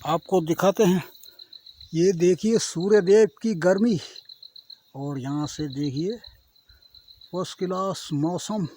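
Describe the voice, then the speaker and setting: A man from Garhwal, Uttarakhand, sings and then shifts into casual vlog talk outdoors in the hills, speaking earnestly to his viewers as friends with a tinge of his regional accent. His voice sits high and sounds warm, with a slow pace and long pauses, over slight background noise.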